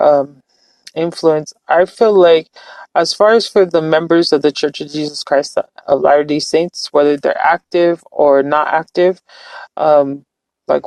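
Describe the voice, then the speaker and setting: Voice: medium pitch, a little mellow, no room sound, poor audio. A live-streamer from California talking in a casual, earnest, reflective way, rambling with frequent restarts. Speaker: livestreamer.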